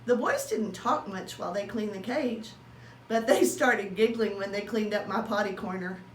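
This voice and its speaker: This woman reads a children's storybook like a teacher, voicing the characters' lines with animation. Her mid-range voice is expressive and moves at a normal speed. The recording sounds roomy and distant, and a faint background noise can be heard.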